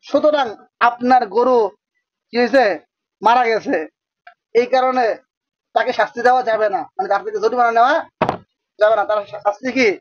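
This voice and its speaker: A man teaching a religious-school class, quizzing students and repeating their answers, sometimes dictating slowly. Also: extremely high pitch, fairly even intonation, dull audio. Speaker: madrasa teacher. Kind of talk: classroom lecture with call-and-response questions.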